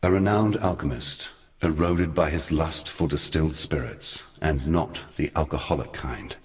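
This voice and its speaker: In a scripted video game monologue, a man voices an ancient, sardonic god recounting dark lore. His very deep, weighty voice carries a wry, brooding mood, and he tells the story in a measured, theatrical, eloquent way.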